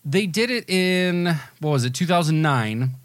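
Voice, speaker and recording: A man's voice: a little high, lively intonation, measured pace, dry recording, clean studio sound. A man co-hosting a podcast, rambling with enthusiasm in casual chat, often restarting his sentences. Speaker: podcast co-host.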